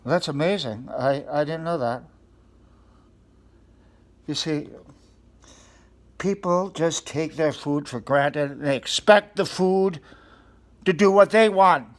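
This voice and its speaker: A man's voice: a little high, slow pace, long pauses. A man hosting a mock-serious comedy talk show in a studio, earnestly questioning food as if it were a guest.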